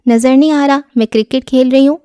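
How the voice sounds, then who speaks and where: A woman reading the part of an exasperated, sharp-tongued young woman who scolds in a raised voice. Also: steady tone, smooth, no echo, clean studio sound, lightly acted. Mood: annoyed, scolding. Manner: indignant, higher and louder than her narration. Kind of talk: audiobook character reading.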